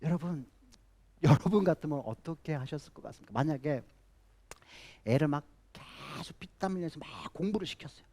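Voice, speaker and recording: A man's voice: a little high, lively intonation, brisk, dark tone. A man preaching a sermon as a pastor, emphatic, repeating key phrases and putting rhetorical questions to the congregation.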